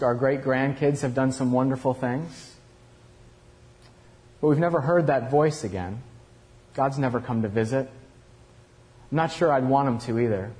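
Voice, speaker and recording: A man's voice: medium pitch, a little mellow, natural voice. A man playing Cain in a first-person dramatic monologue, telling his story in a confessional, reflective way. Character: Cain, aging regretful male murderer looking back.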